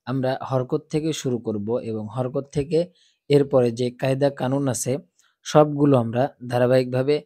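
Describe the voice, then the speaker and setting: A man teaching Quran reading in a lesson, speaking slowly and calling out the Arabic letter sounds one by one for listeners to repeat. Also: mid-range voice, dark tone, dry recording. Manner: drills Arabic letter sounds aloud, slow and emphatic.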